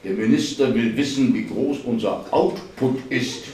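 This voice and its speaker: A man's voice: medium pitch, a little slow, a little mellow, a little hiss or hum, lightly acted. A male reader voicing an exasperated, sarcastic office researcher whose voice sits close to cracking. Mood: mocking. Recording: echoey hall, distant mic.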